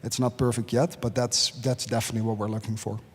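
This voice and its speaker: A man's voice: on the low side, little pitch movement, fast, slightly rough. A man speaking as a conference panelist, direct and emphatic, repeating his key point. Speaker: panelist, company CEO. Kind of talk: panel answers. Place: large conference hall. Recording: conference hall reverb.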